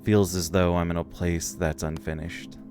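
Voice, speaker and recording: Over game music, a man reads a video game's story dialogue aloud and comments as he plays in a let's play. His voice is low and a little mellow, with little pitch movement, at a normal speed.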